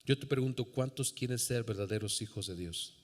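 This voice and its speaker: A man's voice: medium pitch, moderate pace. A man with a Mexican accent, a pastor preaching an emphatic sermon straight to his congregation. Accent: Mexican Spanish. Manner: emphatic, rising fervor, direct address to the congregation. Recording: long church reverb.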